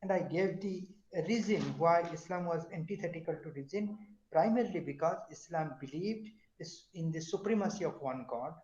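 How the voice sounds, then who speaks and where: A middle-aged professor lectures his class over a video call, pausing often on fillers as he quizzes his students. His voice sits a little high. The sound is echoey and dull, as from a computer mic in a bare room. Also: a little mellow. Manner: questioning students, many fillers.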